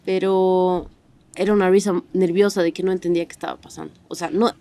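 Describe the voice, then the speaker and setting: A woman's voice: fairly low pitch, steady tone, brisk, dark tone. A woman, talking reflectively and a little hesitantly about a childhood memory in a documentary interview. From Bolivia. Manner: reflective, hesitant, lightly laughing. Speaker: interviewee, daughter.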